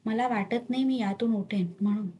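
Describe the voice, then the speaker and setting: A woman's voice: on the high side, fairly even intonation, a little fast, dark tone, slight background noise, lightly acted. A woman reading a novel aloud and voicing a frail, ailing young queen who speaks weakly and wistfully. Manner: weak, wistful.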